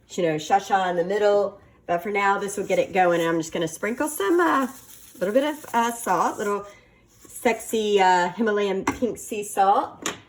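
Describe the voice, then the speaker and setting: A woman hosting a casual cooking demonstration, talking in a halting way with many fillers and playful, flirty asides. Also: mid-range voice. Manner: halting, filler-heavy delivery. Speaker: cooking video host.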